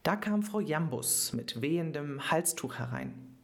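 A woman with a notably low voice narrates a children's story. Her reading is calm and expressive, in a scripted storytelling style. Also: unhurried.

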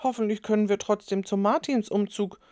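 Female narrator as eager little boy, high and excitable. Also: a little fast, no echo, clean studio sound, natural voice. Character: young boy, eager and a bit timid. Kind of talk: storybook reading.

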